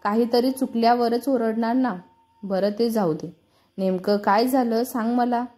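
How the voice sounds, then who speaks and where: A woman's voice: a little high, unhurried, mellow, natural voice. A woman voicing a caring middle-aged mother who fondly reasons with her daughter. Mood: reasoning.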